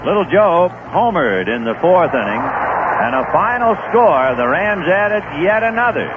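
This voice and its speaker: A play-by-play announcer calls a baseball game live on the radio, unhurriedly sharing relaxed anecdotes between pitches. The audio is a tinny, lo-fi 1970s radio broadcast with a faint hiss.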